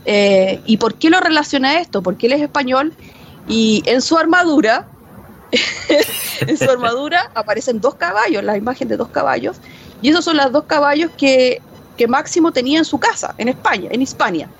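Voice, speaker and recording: A woman co-host tells stories about film and history in a casual, animated chat, laughing often and restarting her sentences. Her voice sits fairly high, with faint ambient noise behind it. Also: moderate pace, highs cut off. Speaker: podcast co-host.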